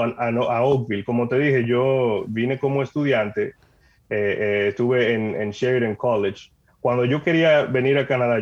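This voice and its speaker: Man, Dominican accent, animated storyteller, acts out dialogue, middle pitch, dull lo-fi sound. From Dominican Republic. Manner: animated, acts out quoted dialogue, laughs often. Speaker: guest. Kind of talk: lively storytelling in a casual chat.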